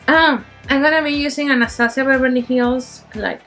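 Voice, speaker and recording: A tipsy woman with a Spanish accent hosts a casual makeup tutorial, rambling in a giggly drunk way. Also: high voice. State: tipsy from shots.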